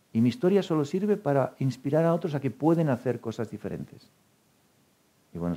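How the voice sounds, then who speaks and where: A man giving a spiritual talk to an audience, telling lively stories, acting out quoted dialogue and laughing often. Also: medium pitch, husky. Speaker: speaker at a meditation talk.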